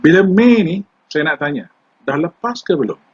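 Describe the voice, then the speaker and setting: Husky Malaysian man lecturing a class. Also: a little high, expressive, moderate pace. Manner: conversational, mixes English terms into Malay, quizzes the class. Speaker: environmental law trainer. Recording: dull lo-fi recording.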